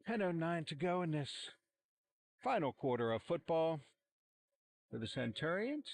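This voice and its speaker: A man calling a high school football game, relaxed and rambling with plenty of fillers. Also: a little slow, vocal fry. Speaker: play-by-play commentator. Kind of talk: amateur sports commentary. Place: outdoor football stadium sideline. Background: cheering fans.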